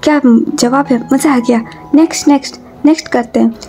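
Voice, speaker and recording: A woman voicing a cheerful, excitable young man friend who talks eagerly. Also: high voice, brisk, soft background music.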